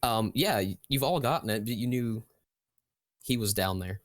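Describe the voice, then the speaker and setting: A man with a fairly low voice acts as game master for a tabletop role-playing game. He narrates casually and haltingly, and the recording is dry and close. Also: expressive, dry recording.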